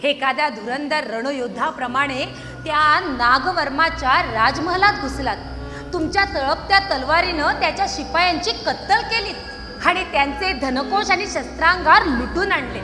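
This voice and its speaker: An actress playing a bold, teasing young warrior heroine in a musical stage drama. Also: female voice, high-pitched, normal speed, close to an everyday voice. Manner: playful, teasing. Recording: echoey hall, stage music behind.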